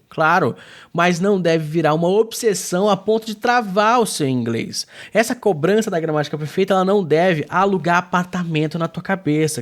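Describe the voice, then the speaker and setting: A man from Brazil teaching a casual video lesson, informal and slangy, with emphatic, swinging delivery and lots of filler tags. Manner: emphatic, lively pitch swings. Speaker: English teacher.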